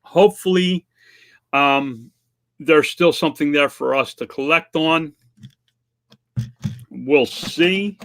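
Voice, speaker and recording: A man's voice: on the high side, takes it slowly, pauses often, fairly bright tone. A man in his fifties, a vlog host chatting casually and plainly as he answers viewer questions, self-deprecating and conversational. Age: 50s. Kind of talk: casual chat.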